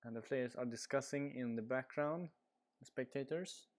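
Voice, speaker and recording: On a headset, a man with a Swedish accent chats his way through live commentary for a card game stream. His pitch is medium and his speed normal, and his talk is casual and rambling, packed with fillers.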